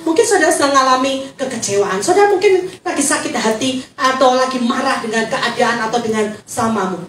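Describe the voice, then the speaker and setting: Woman preacher, lively and joking, distant mic with a faint hum of the room. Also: sits high, fairly quick. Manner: lively, jokes with the congregation. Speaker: pastor. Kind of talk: sermon. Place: church hall. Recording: echoey hall, distant mic.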